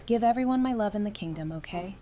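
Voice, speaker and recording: Talking fast with lively intonation, a woman plays a warm, wry apocalypse survivor in an audio drama, teasing dryly in a casual way. Her voice is medium-pitched with a dark tone and a light acting touch. The recording has noticeable ambient background noise.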